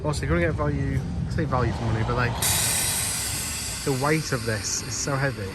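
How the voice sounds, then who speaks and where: A man's voice: medium pitch, a little fast, very noisy. A man vlogging outdoors at a theme park, thinking aloud in a casual, understated, observational way. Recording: loud music behind the voice. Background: loud music.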